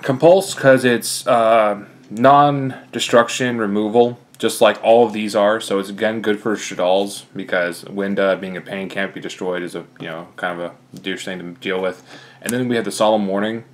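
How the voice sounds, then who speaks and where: A man's voice: on the low side, fairly even intonation, moderate pace. Slightly winded man rambling through his deck. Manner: rambling, many fillers. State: out of breath. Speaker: card game player. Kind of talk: casual deck walkthrough.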